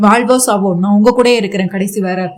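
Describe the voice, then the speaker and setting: Woman voicing a young wife begging to stay, earnest and a bit raised, fast. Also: medium pitch, fairly even intonation, darkish tone, natural voice. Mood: pleading.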